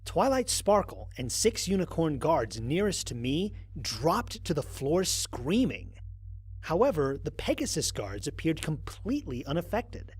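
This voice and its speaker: In a scripted first-person audio drama, a man plays a human explorer reading his mission log as narrator, heavily acted with no room sound. His voice is fairly high for a male and slightly rough, with very animated intonation. He reports methodically and analytically, with dry, wry formality and measured phrasing.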